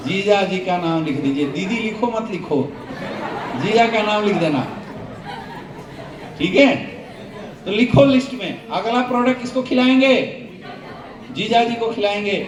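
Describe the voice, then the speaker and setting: A man leading a seminar training talk, firing call-and-response questions at the audience in a joking way. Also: sits high. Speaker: network marketing trainer. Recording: roomy echo, voice from a distance, faint hum.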